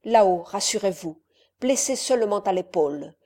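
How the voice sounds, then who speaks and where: A woman voicing a calm middle-aged general who speaks in a reassuring way. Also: medium pitch, moderate pace.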